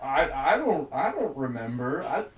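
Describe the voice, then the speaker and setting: A man's voice: a little high, big pitch swings, a little slow. A man co-hosting a podcast, chatting casually and giggling through his lines. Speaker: podcast co-host. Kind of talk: casual chat. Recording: echoey room from far off, voices behind.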